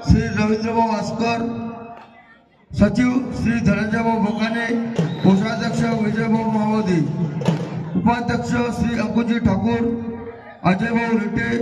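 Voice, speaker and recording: Man announcing over an outdoor loudspeaker. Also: high-pitched. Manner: commanding, calls names and scores. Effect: outdoor loudspeaker public address. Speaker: tournament announcer. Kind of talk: live match announcing. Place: outdoor sports ground. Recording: echoey distant loudspeaker with crowd. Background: crowd noise.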